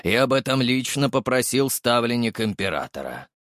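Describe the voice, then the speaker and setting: Brief: man voicing a jaded captain, middle-aged, dry and knowing, animated pitch, dead-dry mic. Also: moderate pace, no echo. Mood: matter-of-fact. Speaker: audiobook narrator voicing a character.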